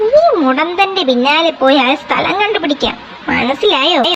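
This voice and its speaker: Voice actor as scheming male fox, cartoon, very high voice, unhurried, faint hiss behind. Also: lively intonation, fairly bright tone, dull audio. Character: scheming hungry male fox, sly and boastful.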